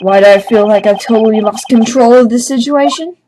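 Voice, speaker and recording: A woman's voice: fairly high pitch, a little fast, noisy background. A woman hosting a let's play, casually commenting with giggly, self-mocking asides.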